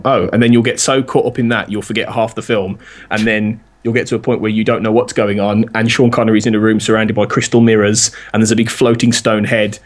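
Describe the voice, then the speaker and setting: Guy chatting on a podcast, rambly, laughs a lot. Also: fairly low pitch. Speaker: podcast guest. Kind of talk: casual chat.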